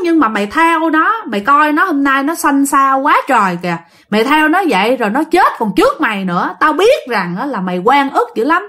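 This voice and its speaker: A woman voicing a stern male exorcist around seventy, with a Southern Vietnamese accent, who scolds in a forceful, barking way. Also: extremely high pitch, voice pushed up, heavily acted.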